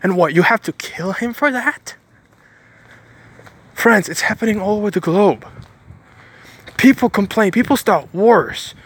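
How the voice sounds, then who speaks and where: A man's voice: high voice, lively intonation, unhurried, long pauses, fairly bright tone, husky. A man giving a preachy motivational monologue, stressing points by repeating phrases and often restarting his sentences. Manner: rambling with frequent restarts.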